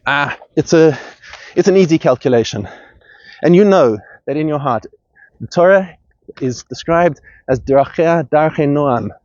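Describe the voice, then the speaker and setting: A man's voice: on the high side, expressive, measured pace, darkish tone, dry recording. A man delivering a heated, earnest monologue as podcast host, often restarting and repeating words as he gets worked up. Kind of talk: impassioned monologue. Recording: dull, lo-fi sound.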